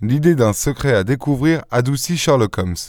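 A man reading a literary story aloud in a measured narration, recorded on a close studio mic. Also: medium pitch, expressive, a little mellow, dry recording. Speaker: audiobook reader. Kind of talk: scripted narration.

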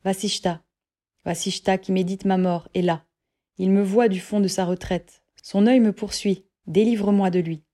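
A woman's voice: mid-range voice, fairly even intonation, normal speed, dark tone, lightly acted. Woman reading as a frightened tyrant king. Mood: fearful. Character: frightened tyrant king, male, haunted and anxious.

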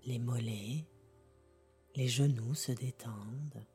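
Woman doing a bedtime sleep story style meditation, super slow n breathy half whisper, calm, music behind. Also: rumbling low. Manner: calm, gentle, unhurried with long pauses. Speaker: guided sleep meditation narrator. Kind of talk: soothing guided meditation narration in the manner of a sleep story narrator.

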